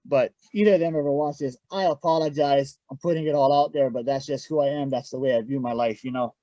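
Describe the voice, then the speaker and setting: A man's voice: mid-range voice, steady tone, fast talker, warm tone. A plain-spoken man giving a candid personal testimony as a podcast guest in casual conversation. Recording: dull, echoey room sound.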